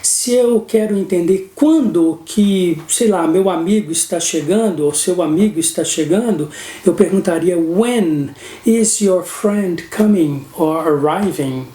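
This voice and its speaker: A man's voice: high-pitched, unhurried, warm tone. A man with a Brazilian Portuguese accent teaching an English grammar lesson, explaining patiently and often checking in with his students. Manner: explanatory, keeps checking in with "não é?". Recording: roomy echo.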